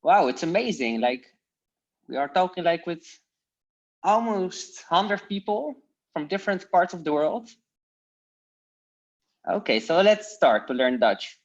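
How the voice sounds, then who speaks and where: Expressive but a little slow, with long pauses, this lowish female voice belongs to a woman from Poland running a relaxed Dutch lesson online. She gives instructions warmly and hesitantly, using fillers. The sound comes through a computer mic on a video call and is dull and lo-fi.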